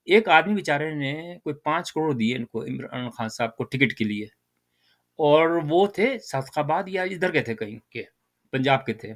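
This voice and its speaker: Animated older man commentating. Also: fairly high pitch. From Pakistan. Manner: animated, rhetorical, addresses listeners directly. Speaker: political commentator. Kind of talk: casual political commentary.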